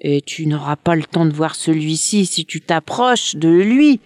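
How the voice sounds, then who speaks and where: A sly, smooth-talking serpent, as a reader puts it on for a storybook. It hisses soft, honeyed words in a low, slow, quiet voice. The sound is dry and close. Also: animated, no echo, lightly acted. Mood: warning. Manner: honeyed, hissing.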